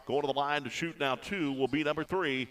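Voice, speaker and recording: Brief: male play-by-play announcer, slightly high voice, folksy and chatty, lots of "uh" fillers. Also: brisk, fairly bright tone, rough recording. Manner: folksy, conversational, frequent "uh" fillers. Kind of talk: live basketball commentary.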